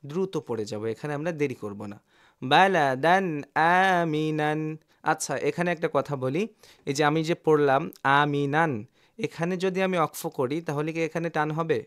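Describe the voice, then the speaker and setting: A man teaching a recitation class, spelling out syllables slowly, asking learners to repeat, then explaining quickly. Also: fairly high pitch. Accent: Bangladeshi Bengali. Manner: asks learners to repeat after him. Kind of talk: slow letter-by-letter recitation lesson.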